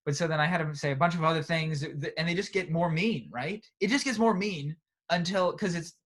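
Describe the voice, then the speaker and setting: This is a young man co-hosting a casual podcast, and his voice sits a little high for a man. He tells his stories in an animated rush and keeps checking in with "right?" and "bro". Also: a little fast. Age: young adult. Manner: animated storyteller, often adds "right?" and "bro". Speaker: podcast co-host. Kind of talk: casual chat.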